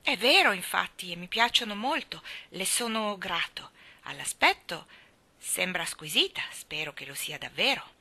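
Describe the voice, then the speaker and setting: A woman voicing a blunt, gruff old male farmer who speaks his mind plainly. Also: lowish voice, animated, normal speed, sharp tone, full character voice.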